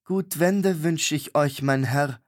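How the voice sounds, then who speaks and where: A haughty young woman speaks in a raised, tight voice, formal to the point of stiffness, as a male narrator puts her on. The storybook heroine keeps her words measured and clipped, though the calm sounds forced. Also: fairly high pitch, voice pushed up. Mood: forced politeness. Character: young woman, proud, sharp-tongued acolyte.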